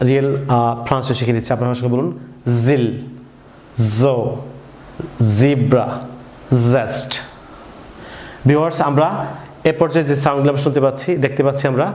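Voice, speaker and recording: A man's voice: mid-range voice, darkish tone. A man with a Bangladeshi accent teaching English pronunciation, leading repetitive call-and-response drills for viewers. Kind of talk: classroom drill lesson. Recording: echoey room with faint noise.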